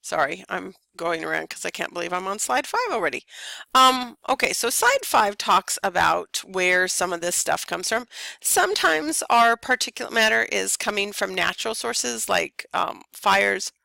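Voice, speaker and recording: Chatty tired woman lecturing, gravelly voice. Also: medium pitch, animated, normal speed, bright, forceful tone, dry recording. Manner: casual, chatty, many ums. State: tired, yawning. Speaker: teacher. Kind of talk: recorded lecture over slides.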